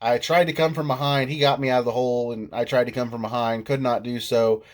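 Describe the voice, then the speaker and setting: A man's voice: mid-range voice, fairly even intonation, fast. Man with a stuffy nasal cold voice. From Illinois. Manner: chatty, laughs often, self-deprecating. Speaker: RC monster truck vlogger. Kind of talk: casual vlog recap. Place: indoors at home.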